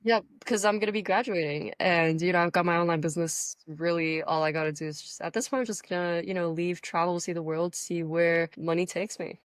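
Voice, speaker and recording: A woman's voice: on the low side, steady tone, a little fast, hardly any pauses, no room sound. A teenage girl from Thailand, a podcast guest talking about her online coaching work in an upbeat, chatty way full of fillers, over a video call. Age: teens. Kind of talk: casual conversational interview.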